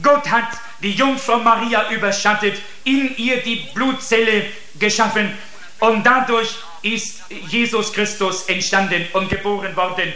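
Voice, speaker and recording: Man, preacher, sermon, high bright voice, echoey room. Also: a little slow. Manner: earnest, addresses listeners with repeated "seht".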